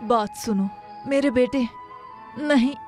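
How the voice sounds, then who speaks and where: A woman's voice: high-pitched, slow pace, darkish tone, faint music behind. An actress dubbing an anxious mother pleading with her son, in a dubbed film. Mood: worried. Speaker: worried mother. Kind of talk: Urdu dubbed film acting.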